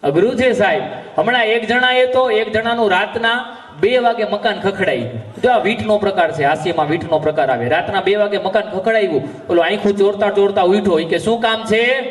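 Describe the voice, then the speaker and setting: Gujarati guy doing stage jokes, high voice, mic kinda far, roomy echo. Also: a little fast. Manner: telling jokes with acted-out dialogue. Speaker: stage comedian. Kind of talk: live folk humor storytelling. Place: stage at a live program. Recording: echoey live venue from far off.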